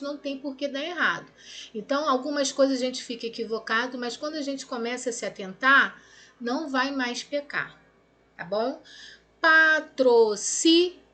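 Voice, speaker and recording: Her voice sits high, bright and forceful, animated at a normal speed, as she teaches grammar with a Brazilian Portuguese accent. In this recorded lesson correcting exercises, she explains each step, stretches words syllable by syllable, and keeps checking in with students.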